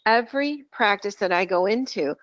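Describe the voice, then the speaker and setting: A woman's voice: mid-range voice, lively intonation, normal speed, dry recording. A woman on a group voice call, talking as a coach for dental practices. She is emphatic and outspoken. Her voice comes through muffled, lo-fi and very dry, with no room sound behind it. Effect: heard over a group voice call. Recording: dull lo-fi call audio.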